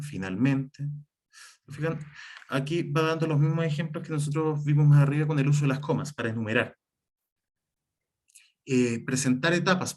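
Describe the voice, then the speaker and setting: A man teaching an online writing class, explaining patiently and often pausing for examples. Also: medium pitch, darkish tone. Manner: explanatory, repeats "por ejemplo" and "en este caso", some restarts.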